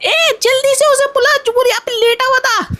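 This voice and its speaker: A woman voicing a loud, bossy middle-aged aunty with a hoarse throat, scolding in a game machinima. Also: extremely high pitch, fairly even intonation, moderate pace, pitched above the performer's own voice. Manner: scolding and shouting. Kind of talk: fan-made game machinima voice acting.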